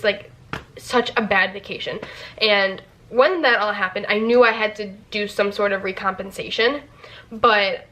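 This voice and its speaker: A woman's voice: mid-range voice, a bit bright. A young woman vlogger casually telling stories to her camera, chatty and full of "like" fillers. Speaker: vlogger, former theme park worker.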